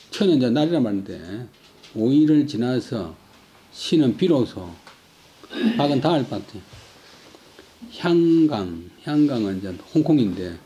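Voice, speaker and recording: An older man with a warm, mid-range voice lectures on a classical Chinese text, going through it word by word, repeating terms, and chanting the original slowly. The recording is rough.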